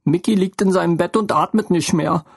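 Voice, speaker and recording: Casting: a man putting on a kindly heavyset old woman, tearful and short of breath, pitched high, dry close sound. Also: fairly quick, vocal fry, husky, no room sound, heavily acted. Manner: sobbing, breathless and simple-spoken. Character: stout, motherly older woman, tearful and kindly.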